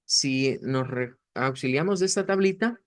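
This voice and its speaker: A man teaching a beginner language lesson, explaining slowly and patiently, with many fillers and restarts. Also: mid-range voice, lively intonation, no room sound, studio quality.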